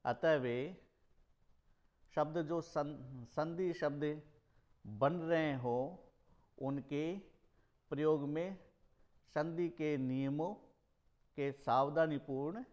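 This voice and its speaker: A male college teacher from Rajasthan, India, giving a recorded grammar lesson and repeating words slowly for emphasis. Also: fairly high pitch, darkish tone. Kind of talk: recorded Hindi grammar lecture. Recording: dull lo-fi recording.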